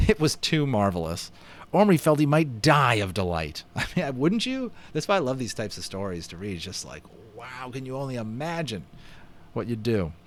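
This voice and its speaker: With a mid-range, sing-song voice at a moderate pace, a man performs a children's story with dramatic enthusiasm. This amateur voice actor also tosses in offhand comments as he reads.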